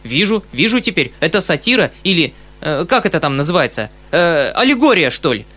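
A man voicing an excitable, kindly old colonel. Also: fairly high pitch, fairly quick, pitched above the performer's own voice, exaggerated voice. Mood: excited. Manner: loud exclamations, eager and fussy. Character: excitable kindly retired colonel, middle-aged, eager. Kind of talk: audiobook character reading.

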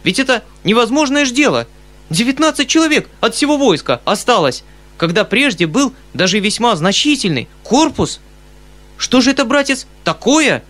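A man voicing an excitable, kindly middle-aged colonel who exclaims loudly and fusses eagerly, in an audiobook reading. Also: high-pitched, moderate pace, voice pushed up. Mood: excited. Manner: loud exclamations, eager and fussy.

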